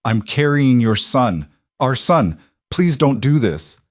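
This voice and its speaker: A man's voice: animated, takes it slowly, mellow, dry recording, clean studio sound. A man voicing a desperate young pregnant wife who pleads with her husband in a raised, pleading voice. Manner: pleading, breaking into high cries.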